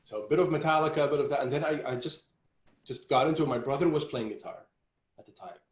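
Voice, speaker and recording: Guitarist guest, man around forty from Jordan, loose halting chat, roomy echoey sound. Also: fairly high pitch. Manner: rambling, halting, frequent restarts and laughs. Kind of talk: casual interview chat. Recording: roomy echo.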